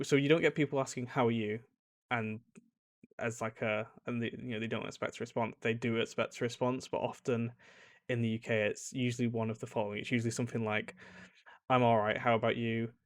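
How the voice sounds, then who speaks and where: A British man gives his casual reactions at a mid pitch, rambling and restarting his sentences. His voice is recorded close and dry. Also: no echo. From United Kingdom. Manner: rambling, many fillers and restarts. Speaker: reaction video host.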